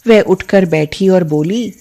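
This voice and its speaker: A woman narrating a scripted cartoon story in a steady, plain manner. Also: lowish voice, slow.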